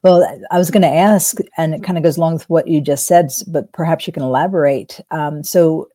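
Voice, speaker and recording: A woman hosts a faith-based interview in a low, mellow voice. She asks gentle questions and keeps softly affirming her guest, and her voice sounds dry and close. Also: a little fast, no echo. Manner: gentle, affirming, frequent soft backchannels. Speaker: host and interviewer.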